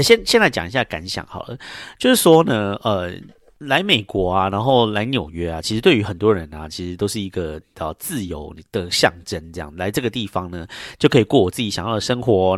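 Chatty man with a low voice. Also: big pitch swings, a little fast, no room sound, studio quality. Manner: chatty, rambling storyteller with many fillers. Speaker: podcast host. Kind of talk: casual podcast monologue.

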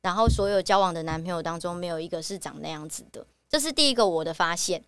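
A young woman with a Taiwanese Mandarin accent, hosting a podcast and telling a personal story in a halting, reflective way. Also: lowish voice, fairly bright tone, clean tone, no echo. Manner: halting and reflective, with many fillers. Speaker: podcast host.

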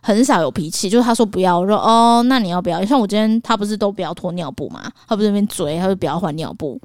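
A woman's voice: medium pitch, expressive, rapid-fire, a little mellow, no room sound, studio quality. A woman co-hosting a casual podcast, a mother explaining her views on raising a toddler and acting out playful scenes. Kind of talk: casual chat.

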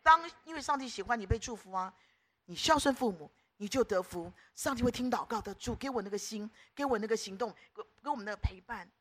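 A woman's voice: on the high side, animated, fast, a bit bright. A middle-aged woman preacher delivering an emphatic sermon, repeating phrases in rhythmic lists.

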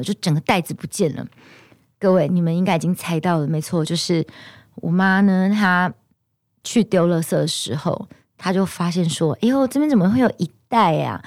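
A hoarse woman with a Taiwanese Mandarin accent hosts a solo podcast in a lowish voice. She tells her story with indignant, animated energy in a casual monologue. The recording is dry and close, with no room sound. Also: no room sound. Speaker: podcast host.

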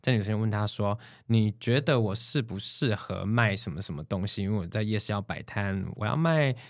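A man with a Taiwanese Mandarin accent tells stories at a quick clip, his voice sitting a little low. He slips into the voices of the people he quotes. The sound is close and dry. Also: no echo. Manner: animated, acts out quoted voices. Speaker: podcast guest. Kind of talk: casual storytelling chat.

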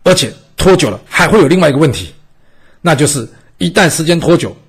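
Guy telling history stories, chatty, lots of exclamations, bit husky. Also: fairly high pitch, animated, a little fast. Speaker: podcast storyteller. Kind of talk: lively history storytelling.

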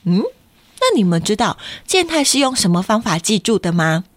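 A woman's voice: medium pitch, very animated, fairly quick, dry recording. A woman storyteller reading a picture book to young children, guiding them with frequent questions. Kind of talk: interactive picture-book read-aloud for children.

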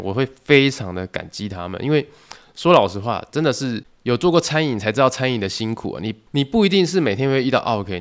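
A man with a Taiwanese Mandarin accent hosting a podcast, telling anecdotes in casual talk and acting out what other people said. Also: on the low side. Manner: lively anecdotes, acting out quoted voices. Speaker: podcast host. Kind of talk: casual storytelling monologue.

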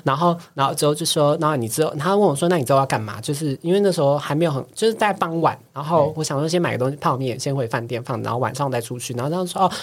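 Woman podcast guest, Taiwanese Mandarin accent, very fast and chatty, animated storyteller. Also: deep voice, slightly rough. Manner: animated storytelling with many fillers, acts out quoted lines. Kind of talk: casual chat.

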